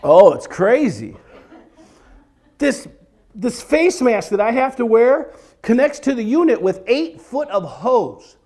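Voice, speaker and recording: A middle-aged man doing stand-up comedy for a church audience, animated and exaggerated, breaking into sudden shouts. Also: extremely high pitch, slow. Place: church event hall before a live audience.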